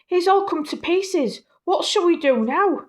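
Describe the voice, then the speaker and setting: A woman voicing a big, friendly, mischievous male skeleton from a children's storybook, in an animated, questioning way. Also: very high-pitched, unhurried, voice pushed up. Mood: curious, eager.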